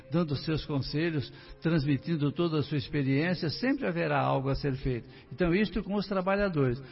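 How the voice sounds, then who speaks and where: Speaking in a slightly high, gravelly voice, an older man from Brazil recounts his life in a relaxed radio interview. He tells it warmly and addresses the audience directly, heard through a muffled, far-off studio microphone.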